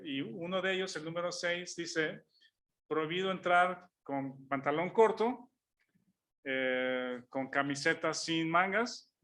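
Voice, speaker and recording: Man, pitched a bit high with a bright, forceful tone, preaching through a lively personal anecdote, voicing each person in it. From Mexico. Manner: storytelling, acts out dialogue, chuckles while telling it. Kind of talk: sermon illustration told as an anecdote.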